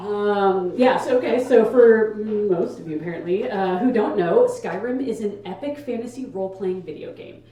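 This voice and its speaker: A woman's voice: medium pitch, moderate pace, few pauses, a crowd in the background. A young adult woman performing a stand-up comedy set in a casual, conversational, emphatic way to an audience. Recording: echoey live room, distant microphone. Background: audience laughter.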